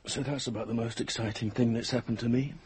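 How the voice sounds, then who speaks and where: With a natural, darkish mid-range voice and fairly even intonation, a man speaks quickly as an uneasy, infatuated young British man recounting his story in a radio drama. The confessional narration is earnest, hesitant, introspective and brooding, with a little hiss or hum.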